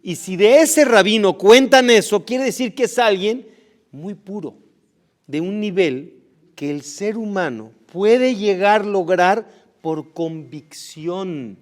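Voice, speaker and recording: A man, a rabbi, giving a sermon as an animated storyteller who acts out the dialogue of his tale. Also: high voice.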